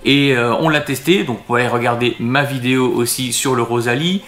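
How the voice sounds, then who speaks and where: Casual male vlogger at mid pitch, halting with many fillers, in a reverberant room. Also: a bit bright. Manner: hesitant, many fillers and restarts. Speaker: vlogger reviewing restaurants. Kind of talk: casual talk to camera.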